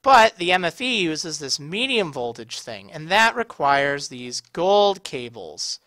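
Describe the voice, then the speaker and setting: A man's voice: a little high, big pitch swings, slow pace, pushed and bright, no echo. A man with a slightly strained, tired voice giving casual, explanatory video game tutorial commentary. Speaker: gaming video host.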